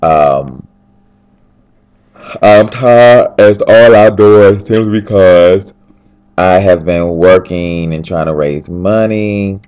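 Sleepy guy in bed with a low deep voice, rambling chatty video diary into a little handheld cam. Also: takes it slowly, a little mellow, smooth. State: tired, just woke up. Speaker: fashion designer. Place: lying in bed at home. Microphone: handheld flip camera.

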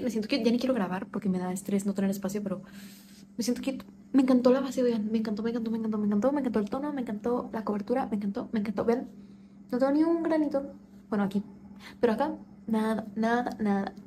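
A woman's voice: fairly high pitch, dark tone, slight background noise. A young woman chatting casually to camera in her room as she gets ready, stressed and repeating herself. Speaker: vlogger. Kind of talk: casual vlog chat. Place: bedroom at home.

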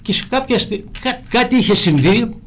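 A man's voice: extremely high pitch, expressive, a bit bright. An older man, an actor, telling rambling stories on the radio with many restarts. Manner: rambling, frequent restarts and repeated "he tells me". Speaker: actor guest. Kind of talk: anecdotal storytelling on radio. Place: radio studio.

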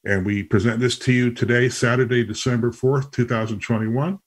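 Male society president, husky, formal award presenter. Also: mid-range voice, fairly even intonation, fairly quick. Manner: formal, reads a prepared citation.

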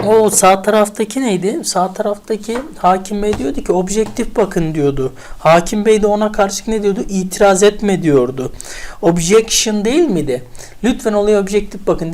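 A teacher giving an online English vocabulary lesson, chatty and animated, asking themselves questions aloud as they recall memory tricks. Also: medium pitch.

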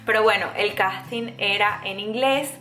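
A young woman from Venezuela with a Venezuelan accent, telling a casual story to camera in a chatty, animated way with many fillers and restarts. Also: mid-range voice, unhurried. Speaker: vlogger. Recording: echoey room, faint music behind.

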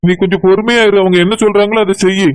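A man voicing a calm, reassuring young man in a cartoon, with a Tirunelveli Tamil accent. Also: high-pitched, racing, close to an everyday voice, rough recording. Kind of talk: cartoon voice acting.

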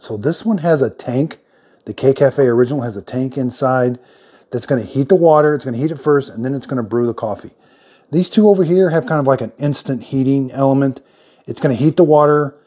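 A man's voice: medium pitch, warm tone. A middle-aged man giving a casual hands-on product demo in his home kitchen, thinking aloud in a plain-spoken way as he works. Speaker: product reviewer.

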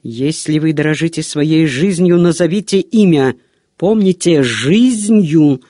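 A woman's voice: low voice, unhurried, warm tone, no echo. A woman voicing a stern, impatient male monk who makes curt, menacing demands in a gothic audiobook.

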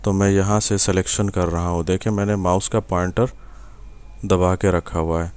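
A young Pakistani man with an Urdu accent and a very low, smooth, resonant voice walks the viewer through a software tutorial at his desk. He speaks patiently, step by step, pausing on fillers and checking in with the viewer as he works. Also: flat delivery. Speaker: software instructor. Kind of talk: screen-recorded tutorial.

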